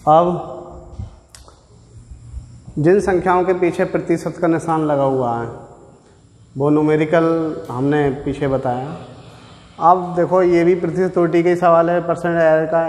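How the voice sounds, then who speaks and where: A man's voice: fairly high pitch, fairly even intonation, a little slow, pauses often, a little mellow. A man teaching physics, patiently working through a numerical step by step and speaking directly to his students. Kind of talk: classroom lecture solving numericals. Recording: echoey classroom with long reverb.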